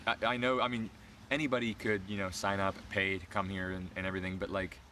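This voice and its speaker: A man co-hosting a vlog, chatting excitedly and rambling in a casual recap. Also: low voice, fast, slight background noise. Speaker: vlog co-host. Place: outdoor campground.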